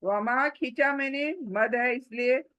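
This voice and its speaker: A woman with a high, slightly bright voice speaks slowly, patiently teaching Quran recitation one step at a time. She explains the rules and stretches and repeats sounds to demonstrate them in a pronunciation lesson. The recording is dry and low in quality.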